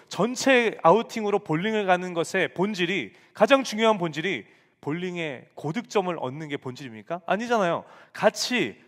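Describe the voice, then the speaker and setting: A male pastor in his forties preaching a sermon to young adults, telling a family story and acting out the lines he quotes. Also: high voice. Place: church sanctuary. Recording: reverberant church hall.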